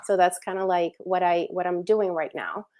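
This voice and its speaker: A woman's voice: lowish voice, fairly even intonation, normal speed, dark tone. A woman, a dance movement therapist, talking about her work as a guest in an interview, in a friendly, chatty way full of "like" and "um". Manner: friendly, chatty, with light laughs and fillers like "like". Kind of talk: interview conversation.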